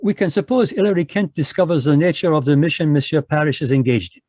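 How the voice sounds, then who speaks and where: A man's voice: on the high side, quick pace, no echo. A man doing Hercule Poirot, fussy Belgian detective. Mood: smug. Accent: put-on French. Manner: pompous, lively, polite. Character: fussy middle-aged Belgian male detective, smug. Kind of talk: old-time radio play reading. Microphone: video call microphone.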